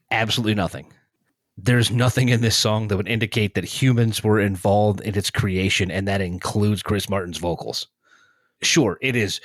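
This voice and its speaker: A man's voice: on the low side, no room sound, studio quality. A man co-hosting a music podcast, talking casually and reviewing chart songs with wry, sarcastic asides.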